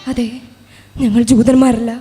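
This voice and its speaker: A woman's voice: fairly high pitch, little pitch movement, unhurried, warm tone, close to an everyday voice. Girl playing a nasty gestapo officer, barking insults, accordion music going behind. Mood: sneering. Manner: harsh, insulting barks. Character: brutal, sneering male Gestapo officer.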